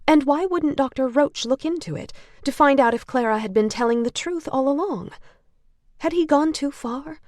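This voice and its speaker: A woman narrating an audiobook of a novel in a measured storytelling manner. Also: sits high, no echo, clean studio sound.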